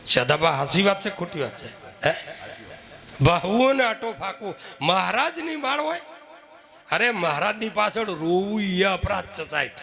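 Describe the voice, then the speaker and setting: A man's voice: high-pitched, very animated, normal speed, vocal fry, sharp tone. A man preaching at a village devotional gathering, who keeps asking the crowd rhetorical questions and sometimes chants verses. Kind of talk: devotional sermon with sung verses.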